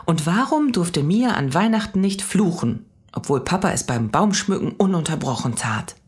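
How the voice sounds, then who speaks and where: A woman reading a children's story aloud, calm and steady. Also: lowish voice, normal speed, slightly rough. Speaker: narrator.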